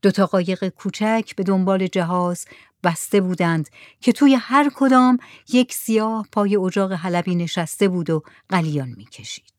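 A woman reading a literary short story aloud in a soft voice that often drops near a whisper. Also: mid-range voice, animated, dry recording, studio quality. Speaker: narrator.

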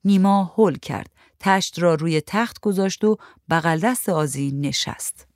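A woman narrates a literary short story in a measured, even reading. Her voice sits low for a woman. The recording is dry and close, with no room sound. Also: no room sound.

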